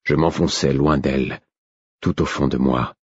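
A man reading a first-person story aloud in a measured, grave narration. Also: a bass voice, steady tone, husky, no room sound. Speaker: audiobook narrator. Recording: dry, slightly dull recording.

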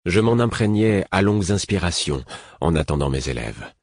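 Deep, husky male audiobook narrator. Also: sing-song, normal speed, a little mellow, dry recording, clean studio sound. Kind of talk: scripted narration.

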